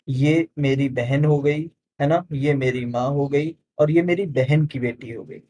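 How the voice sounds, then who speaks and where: A man teaching exam reasoning questions in a chatty way, calling viewers friends, checking they follow and slowing down to read out each statement. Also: on the high side, darkish tone, slightly rough. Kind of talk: explaining solved exam questions.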